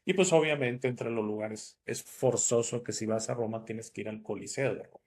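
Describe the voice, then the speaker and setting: Man from northern Italy, host, gravelly voice, casual reflective storytelling. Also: medium pitch, normal speed. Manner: reflective, personal storytelling with fillers. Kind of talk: casual chat.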